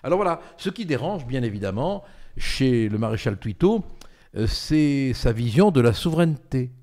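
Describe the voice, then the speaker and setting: A man's voice: medium pitch, sing-song, moderate pace, mellow. An older man hosting a political talk show, speaking emphatically with many fillers and restarts. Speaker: host, political commentator.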